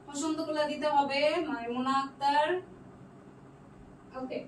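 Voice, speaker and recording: A woman's voice: high voice, fairly even intonation, a little slow. Young female online tutor, roomy echo, faint background hiss. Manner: patient, checks answers one by one, mixes in English words. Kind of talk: live online class reading student comments. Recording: echoey room, distant mic, faint noise.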